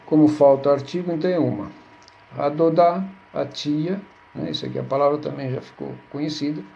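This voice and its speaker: A man with a gravelly, mellow voice patiently explains grammar, often repeating words and checking that listeners follow. The recording sounds dull and lo-fi. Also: a little high, fairly even intonation, brisk. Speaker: Hebrew teacher.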